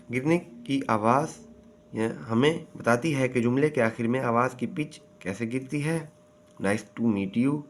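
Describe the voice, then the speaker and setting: Slow, deliberate Pakistani male teacher. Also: mid-range voice. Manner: deliberate, reads English lines slowly, then explains. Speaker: teacher explaining a textbook exercise. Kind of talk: slow bilingual lesson, reading then translating.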